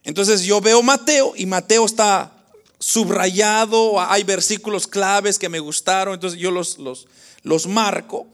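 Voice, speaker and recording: A man preaching a sermon, addressing his congregation as brothers and acting out Bible scenes with animated voices. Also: high-pitched, a little slow. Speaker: pastor.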